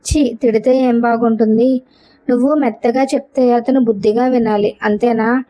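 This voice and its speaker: A woman voicing a sharp-tongued, exasperated young housewife in a storybook reading, with a complaining, sarcastic manner. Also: fairly high pitch, fairly even intonation, moderate pace, lightly acted. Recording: dull lo-fi recording.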